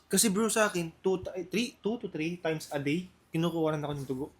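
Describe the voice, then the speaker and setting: A man from the Philippines chatting casually on a podcast, getting animated when he remembers things. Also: high-pitched, a little fast, a little hiss or hum. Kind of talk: casual chat.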